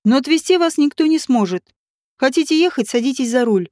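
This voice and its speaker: A woman's voice: high voice, animated, a little fast, dark tone, no echo, clean studio sound. A woman voicing a stern man who takes charge and gives curt orders. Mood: commanding. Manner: curt, commanding.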